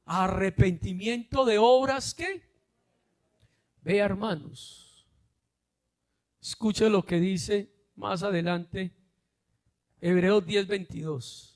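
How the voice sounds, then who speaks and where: Male pastor, very high voice, fiery sermon full of questions to the congregation. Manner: preaching with rhetorical questions to the congregation, often shouting.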